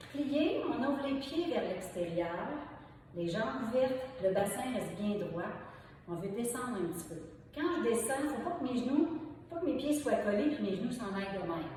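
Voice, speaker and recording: A woman's voice: fairly high pitch, darkish tone. A woman with a Québécois French accent leading an aerobics class, cheerfully counting beats and encouraging while she exercises, a bit out of breath. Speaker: aerobics instructor. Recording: echoey hall, distant mic, background noise.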